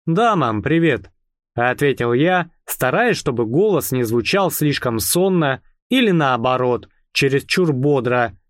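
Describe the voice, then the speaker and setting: A man narrating a first-person audiobook in a calm, wry, even manner. His voice sits in a middle register. The studio recording is close and dry. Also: mid-range voice, measured pace, hardly any pauses, dry recording.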